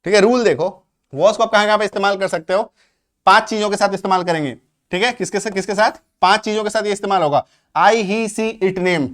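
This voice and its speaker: A man from India teaching English grammar, explaining step by step, slowing down for example sentences and often checking that students follow. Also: high voice, fairly bright tone. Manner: slows right down when reading out English examples. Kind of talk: grammar lesson.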